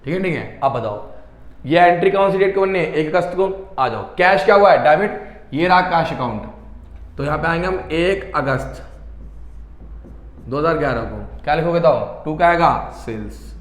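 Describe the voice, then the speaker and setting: A man's voice: a little high, animated, moderate pace, reverberant. A young male commerce teacher giving an online class lecture, asking questions and answering them himself, calling students "beta". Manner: call-and-response questioning, answers own questions; affectionate Hindi teacher talk, calls students beta.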